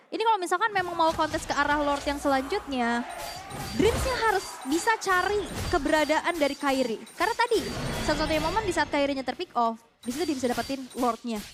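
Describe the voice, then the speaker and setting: A woman's voice: sits high, lively intonation, a little fast, music in the background. A woman with an Indonesian accent giving live, analytical commentary on an esports match.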